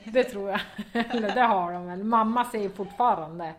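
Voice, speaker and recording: Young woman, broad Västerbotten Swedish dialect, interview guest; halting, filler-heavy, quick to laugh. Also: medium pitch. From Skellefteå area, northern Sweden. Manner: hesitant, many fillers, laughs often. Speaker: football pundit, former player. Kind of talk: casual interview answers.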